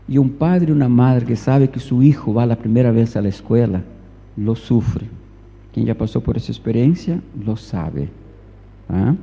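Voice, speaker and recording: A man's voice: mid-range voice, gravelly, warm tone, dull audio. A male pastor preaching a sermon, telling a story and pressing his listeners with emphatic rhetorical questions, in a reverberant church hall.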